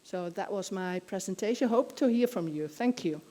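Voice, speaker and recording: Into a podium gooseneck mic in a hotel conference room, an older woman from the Netherlands presents at an academic conference, reasoning aloud and hesitating now and then. She sounds animated, with a medium pitch, a dark tone, and a moderate pace.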